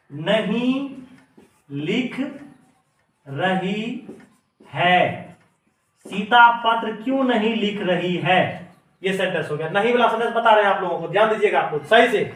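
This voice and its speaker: A man teaching an English grammar lesson step by step, slowly repeating each word as he writes it out. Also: high voice, a bit bright. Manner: slow, repeats each word while writing. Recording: echoey room, mic at a distance.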